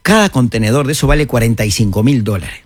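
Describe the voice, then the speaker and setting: An older man with a Uruguayan Spanish accent, explaining city matters on a radio talk show in an animated, folksy way. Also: mid-range voice, fast, slightly rough, dry recording.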